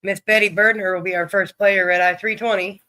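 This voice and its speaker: Man hosting a live stream, high bright voice, chatty and friendly with viewers. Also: flat delivery, fairly quick, smooth. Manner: chatty, greets viewers by name. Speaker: livestream host. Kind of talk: casual livestream chat.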